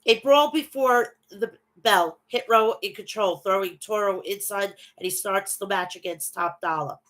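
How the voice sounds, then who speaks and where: Her nose stuffed up from a bad cold, a woman runs a laid-back wrestling recap, going over match results and talking with viewers. She has a nasal, mid-range voice with a fairly bright tone at a normal speed.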